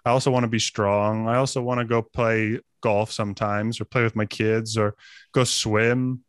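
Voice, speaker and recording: A man's voice: lowish voice, level tone, moderate pace, clear, resonant tone, no echo. Man, podcast co-host, casual chat, rambling, frequent restarts, dry sound. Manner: rambling, restarts often, thinking aloud.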